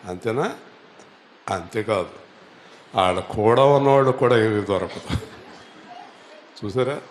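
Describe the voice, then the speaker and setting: A man preaches a sermon, questioning his listeners and rising to loud, high-pitched exhortation. His voice sits in the middle range. The recording is roomy and echoey, with faint church ambience behind him. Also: slight background noise. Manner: asks the congregation questions and has them repeat lines. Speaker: pastor. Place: church hall.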